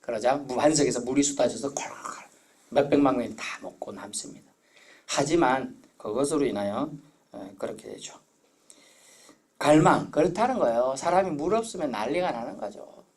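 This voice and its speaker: A man's voice: mid-range voice, lively intonation, moderate pace, darkish tone. A middle-aged man preaching a sermon as pastor, telling stories in a conversational way. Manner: storytelling, conversational preaching with anecdotes.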